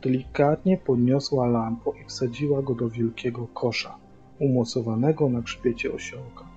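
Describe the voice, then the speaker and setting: A man reading a children's book aloud as a father, with steady, even storytelling. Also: mid-range voice, normal speed. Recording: dull lo-fi audio via hearing aid, faint music.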